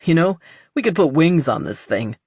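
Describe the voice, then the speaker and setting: A woman voicing a calm, teasing adult man in an audiobook, speaking in a low, controlled way. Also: normal speed, husky, no echo, clean studio sound, heavily acted. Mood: easygoing. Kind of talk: audiobook character voice.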